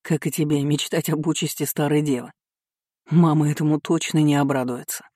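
A sardonic young marquis, as an audiobook reader puts him on, speaking with dry, mocking humor. The tone is warm and mellow, recorded close and dry. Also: medium pitch, steady tone, a little fast, dry recording, close to an everyday voice. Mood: joking. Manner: wry, mocking. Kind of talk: audiobook character reading.

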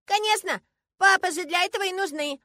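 A stubborn little girl, very high and fast. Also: sharp tone, dry recording. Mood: indignant. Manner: insistent, scolding like a teacher. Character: stubborn five-year-old girl, bold and indignant.

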